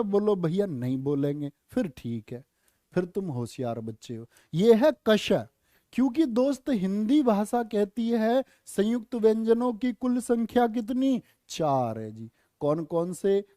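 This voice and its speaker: A young male teacher running a Hindi exam-prep class with a high, soft-edged voice. He quizzes his students constantly, stretches out syllables to drill pronunciation, and slips in friendly jokes. The recording is close and dry. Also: no room sound. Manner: quizzing students with rhetorical questions, friendly jokey asides; drawn-out, careful pronunciation drills. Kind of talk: online exam-prep lesson.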